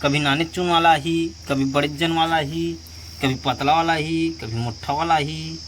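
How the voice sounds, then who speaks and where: Young male village vlogger, Chhattisgarhi accent, playful and loud, recorded outside with clear insect noise. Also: a little high, steady tone, unhurried. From Chhattisgarh, India. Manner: playful, loud, teasing children. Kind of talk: casual village vlog.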